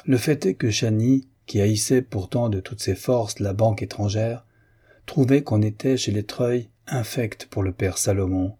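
A man narrating a novel aloud in a measured, even storytelling manner. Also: on the low side, husky. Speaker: audiobook narrator.

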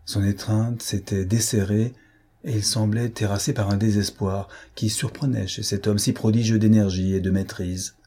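A man narrates a novel as an audiobook, pacing each sentence with measured drama. His voice is low and mellow with a husky grain. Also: flat delivery.

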